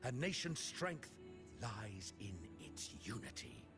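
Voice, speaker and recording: A man playing a pious, controlled cleric in a video game, speaking in a serene, measured and preachy way. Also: lowish voice, wildly swooping pitch, creaky, exaggerated voice. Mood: serene, solemn. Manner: solemn, measured, preachy, formal. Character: pious, controlled zealot cleric of a religious order. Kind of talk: scripted video game dialogue. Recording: background music under the voice.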